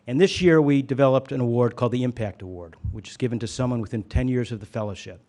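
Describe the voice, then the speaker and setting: A man addressing a conference on behalf of the board, at an ordinary pitch. He talks hesitantly, dropping "uh" between phrases. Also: fast, dark tone. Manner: hesitant, many "uh" fillers. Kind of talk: prepared speech at a podium.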